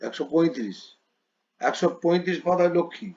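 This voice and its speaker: A man teaching priestly studies in an online class, gently correcting pronunciation and repeating page numbers. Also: on the high side, fast, lo-fi sound, a little hiss or hum.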